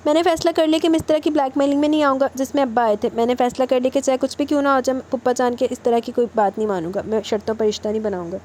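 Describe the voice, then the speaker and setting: A woman's voice: sits high, fairly even intonation, few pauses, darkish tone, slight background noise, close to an everyday voice. A woman voicing a brooding young husband in a romance novel reading, earnest and lecturing. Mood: confessing.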